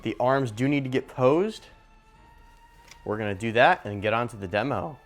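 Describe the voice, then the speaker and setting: A man's voice: mid-range voice, lively intonation, normal speed. Man casually narrating, music behind. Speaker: product reviewer, video host. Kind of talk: casual unboxing and assembly narration.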